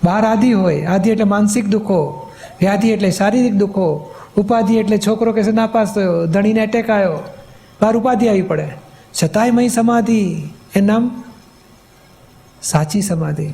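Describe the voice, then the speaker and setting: A man's voice: high-pitched, moderate pace, creaky, warm tone. A man, a spiritual teacher, patiently explaining in a question-and-answer talk, often checking that he is understood.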